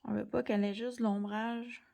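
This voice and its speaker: A young woman with a Québécois French accent, gently explaining a colored pencil drawing tutorial and sometimes dropping to near-whispers. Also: a little high, flat delivery, normal speed, gravelly. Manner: gentle, soft-spoken, drops into near-whispers while drawing. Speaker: art tutorial host.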